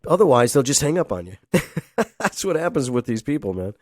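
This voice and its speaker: With a medium-pitched voice full of big swings, a man talks at normal speed on his casual solo podcast, his nose blocked by a cold. He meanders, chuckles a lot and acts out phone conversations, all in a dry, clean studio recording.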